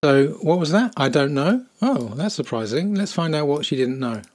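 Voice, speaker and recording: A man's voice: fairly high pitch, sing-song, normal speed, a little mellow. A man giving scornful, incredulous commentary over video clips, with many fillers.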